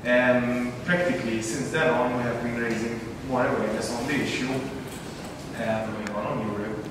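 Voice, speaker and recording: A man's voice: mid-range voice, fairly even intonation, normal speed, background noise. A man in his thirties speaks with many ums and repeated words, hesitating as he explains. His voice is heard from far off in a strongly echoing conference room with a long reverb tail. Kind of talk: press conference talk. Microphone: handheld mic, recorded from the back of the room.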